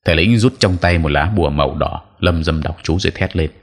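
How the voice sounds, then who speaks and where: Man, very deep voice, measured, scripted horror narration.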